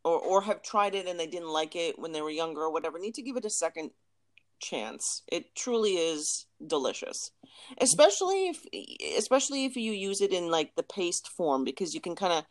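A woman's voice: lowish voice, big pitch swings, a little fast. A woman co-hosting a casual chat, talking eagerly about food with frequent restarts. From Lebanese family. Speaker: podcast co-host.

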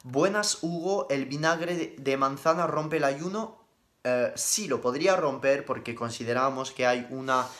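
Here a young nutrition coach answers questions from his live-stream audience, keeping his replies quick, factual and slangy. The voice is mid-range with a bit of brightness.

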